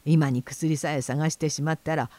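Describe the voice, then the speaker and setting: A fat, greedy rich man, as a woman reading the tale puts him on, blustering loudly and barking threats. The voice stays low and mellow, close to her own, with a dry close sound. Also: steady tone, moderate pace, dry recording, lightly acted. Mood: furious.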